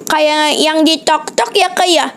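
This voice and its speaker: A woman's voice: high voice, steady tone, measured pace, fairly bright tone, pitched above the performer's own voice. A woman voicing a cheeky little girl in a toy-world game story, teasing her older sister.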